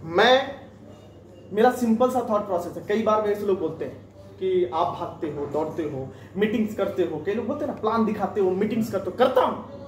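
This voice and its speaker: A man's voice: high-pitched, animated, brisk, a little hiss or hum. Sales trainer, man in his twenties, emphatic and questioning, recorded from across an echoey restaurant room. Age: 20s. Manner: emphatic, quizzes the audience with repeated questions. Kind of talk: motivational training talk. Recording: echoey room, mic at a distance.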